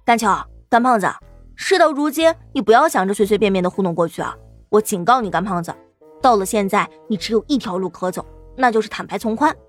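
Guy doing a shrill bossy student, high and fast, mock serious. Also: expressive, soft background music. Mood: mock-stern. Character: stern, nosy student interrogating a classmate.

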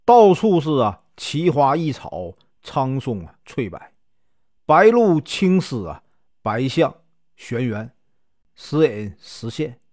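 A man with a Northeastern Mandarin accent telling a classic myth in a lively storytelling style, stretching filler particles between phrases. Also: medium pitch, slow, no echo, clean studio sound. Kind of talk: storytelling narration.

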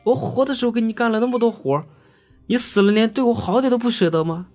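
A man voicing the ghost of a wronged young woman who wails out her grievances in a sobbing, shrill tone. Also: lively intonation, fast, darkish tone, faint music behind. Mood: tearful grievance.

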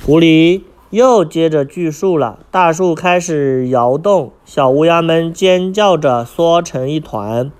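A man's voice: on the high side, slow pace, hardly any pauses, a little mellow, clean tone. Man reading a picture book to children. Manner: asks young listeners questions. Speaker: storyteller.

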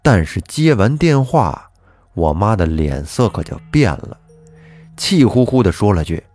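A man hosting a storytelling podcast, narrating a listener's strange childhood tale in an expressive, dramatic way. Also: on the low side, unhurried.

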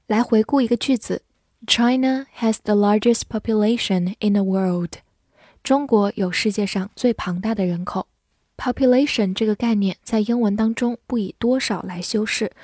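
A woman teaching English vocabulary, spelling words slowly letter by letter in a clear, scripted lesson. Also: mid-range voice, darkish tone, dry recording, clean studio sound.

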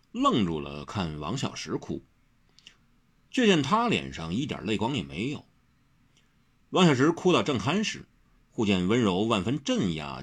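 A man reading a martial-arts novel aloud with a dramatic, lively delivery. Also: lowish voice, husky. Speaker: narrator. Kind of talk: expressive storybook reading.

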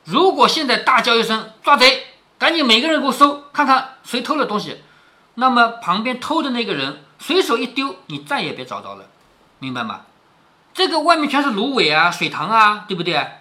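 Middle-aged dad reading a classic novel to his kid and explaining it, bright voice, very bouncy pitch, keeps asking "right?". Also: very animated, a little fast. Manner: chatty, often checks in with tag questions. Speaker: father reading aloud to his daughter. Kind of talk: storytelling with explanations.

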